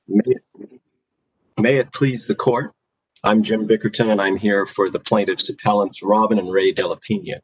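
A man speaking as a lawyer in formal oral argument, deliberate and emphatic. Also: on the low side, steady tone, husky, poor audio. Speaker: lawyer arguing an appeal.

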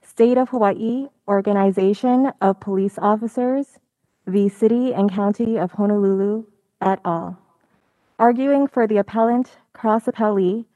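A woman reading out a formal case call as court clerk, in a measured, deliberate manner. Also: medium pitch, dark tone, no room sound, rough recording.

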